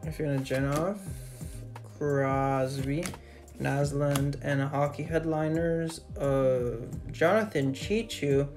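A woman hosting a casual card-opening video, reading off names one after another in a steady list at her desk. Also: deep voice, takes it slowly. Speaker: channel host opening trading card packs. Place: indoors at a desk with a card display wall. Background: background music.

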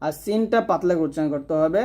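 With a darkish tone and a voice a bit high for a man, this Quran recitation teacher gives a patient, step-by-step lesson on letter sounds. Each sound comes out slowly and is repeated for the learner to copy.

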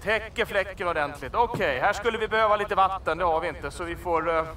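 An actor playing Örjan Lax, a foul-mouthed braggart. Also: male voice, high voice, recorded from a distance, noisy background, natural voice. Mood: pushy salesman. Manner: swears constantly, brash and boastful. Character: crude boastful male wannabe musician and salesman. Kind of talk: sketch comedy acting.

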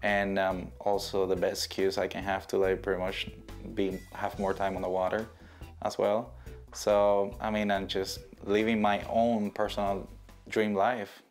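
Deep-voiced reflective man from Cuba. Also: little pitch movement, measured pace, faint music behind. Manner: soft, thoughtful, hesitant fillers. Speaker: painter interviewed. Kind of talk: reflective interview. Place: indoor art studio.

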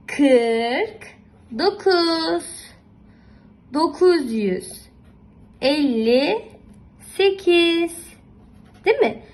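Lively high-voiced woman teaching children. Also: rough recording. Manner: patient, repeats and checks with "tamam mı?"; encouraging and affectionate toward pupils. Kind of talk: math lesson for young children.

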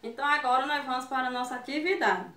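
A woman with a Brazilian Portuguese accent teaching young children, speaking slowly and patiently and sounding out syllables and letters one at a time. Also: sits high, bright, forceful tone, echoey room, recorded from a distance. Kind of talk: online lesson for young children.

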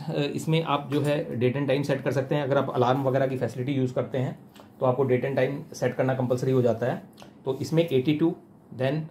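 Man, mid pitch, patient step-by-step tech tutor, faint room hum. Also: mellow. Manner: explanatory, mixing in English terms, with fillers. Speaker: telecom instructor. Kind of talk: technical tutorial demonstration.

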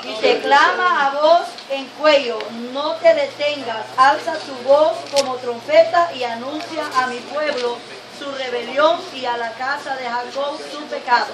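Woman reading scripture out loud, high voice, echoey church, people around. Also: a little slow, recorded from a distance, crowd noise. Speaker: congregant reading scripture aloud. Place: church sanctuary.

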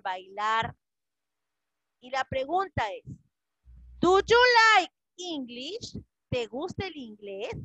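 A woman's voice: sits high, fairly bright tone, no room sound. A woman teaching English to children, patiently repeating each phrase and translating it. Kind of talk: classroom lesson for children.

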